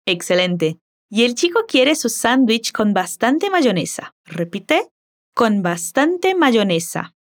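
Woman, Portuguese native, Spanish teacher, fairly high voice, careful slow drills. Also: sing-song. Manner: slow, careful modeling of words. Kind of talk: language lesson with repeat-after-me drills.

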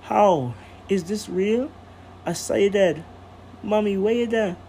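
A man's voice: slow pace, warm tone, slight background noise. A man voicing a shaken young girl who pleads with her mother in a told story. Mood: tearful disbelief. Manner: high, pleading. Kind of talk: storytelling character voice.

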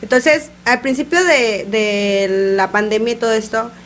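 A Mexican woman chatting casually as co-host, her voice sitting fairly high. She talks in slangy, loose phrases and laughs easily. A faint hum runs under the recording. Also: measured pace, fairly bright tone. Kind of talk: casual chat.

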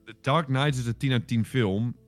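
A man co-hosting a casual podcast chat, excitable and exaggerated, repeating himself for effect. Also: mid-range voice, normal speed, faint music behind. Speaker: podcast co-host.

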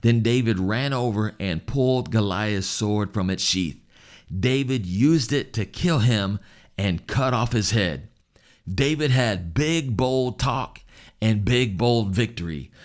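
A man preaching a sermon, reading scripture passages aloud and expounding on them with emphatic repetition. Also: fairly low pitch.

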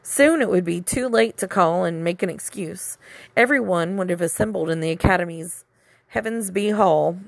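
A woman reads a novel aloud in a steady, measured storytelling voice. Her tone carries a gravelly, creaky texture at a mid pitch. The sound is close and dry, with no room around it. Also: dry recording. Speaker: audiobook narrator. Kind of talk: scripted audiobook narration.

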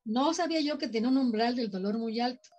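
A woman's voice: fairly high pitch, fast, a little mellow. A woman with a Mexican accent telling a personal story in casual chat, animatedly acting out the voices of people she quotes. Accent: Mexican Spanish. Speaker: podcast guest sharing paranormal experiences.

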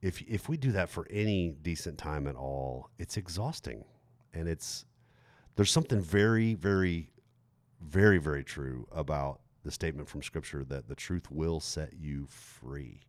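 Deep-voiced man telling a story. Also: measured pace, dry recording. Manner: animated, self-deprecating storyteller. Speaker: podcast host. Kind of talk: storytelling chat.

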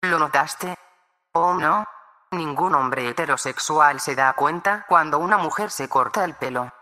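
A man speaking in a put-on low voice with an echo effect added, delivering a deadpan comedy sketch line. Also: measured pace. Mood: mock surprise. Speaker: comedy podcast co-host. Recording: echoing voice set back from the mic.

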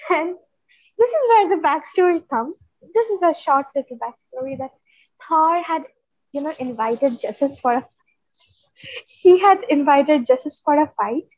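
A woman co-hosting a casual book discussion, retelling chapters in an animated, stuttering way with frequent laughs. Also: sits high, measured pace, no echo, rough recording. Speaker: book club co-host.

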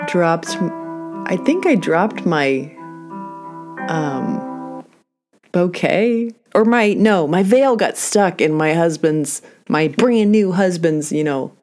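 A woman with a low voice hosts her own podcast, telling classroom stories and acting out the people in them. She is candid and laughs at herself when things go wrong. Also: darkish tone. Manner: candid, self-deprecating, storytelling with quoted dialogue. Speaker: podcast host, teacher. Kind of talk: solo podcast talk. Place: indoors, talking alone into a mic.

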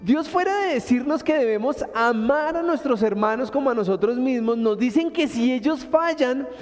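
Man, colombian accent, pastor preaching, colloquial and animated, very high voice, long hall echo. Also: normal speed. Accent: Colombian Spanish. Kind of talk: sermon. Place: church hall. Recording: hall reverb with soft instrumental music.

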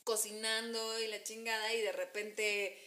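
A young woman with a Mexican accent chatting casually, telling stories and acting out quotes with sudden jumps in pitch. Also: a little slow, roomy sound. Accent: Mexican Spanish. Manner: animated storytelling, acts out quotes with jumps in pitch. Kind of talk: casual chat.

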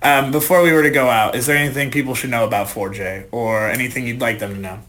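A man hosts a laid-back podcast and jokes his way through the talk. His voice sits in an ordinary male range, with steady background noise in the recording. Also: medium pitch, quick pace. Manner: joking, rambling, asks guests questions. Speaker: podcast host. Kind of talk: casual podcast chat.

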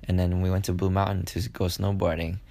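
A man's voice: low-pitched, level tone, a little fast, gravelly, dark tone, no echo. A young man casually telling a personal story on a podcast, rambling with lots of fillers and acting out what people said. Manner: rambling, with many fillers and acted-out quotes.

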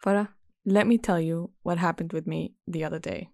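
A young woman co-hosting a podcast, chatting casually and telling stories, now and then mimicking others in a high nasal voice. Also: steady tone, normal speed, gravelly, a little mellow, no room sound, clean studio sound. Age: young adult. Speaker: podcast co-host. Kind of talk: casual chat.

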